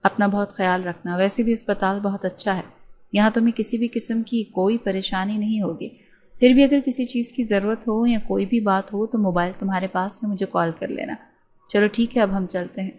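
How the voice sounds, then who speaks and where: A woman voicing a calm, caring older brother who speaks with concern. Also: medium pitch, natural voice. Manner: concerned, gentle.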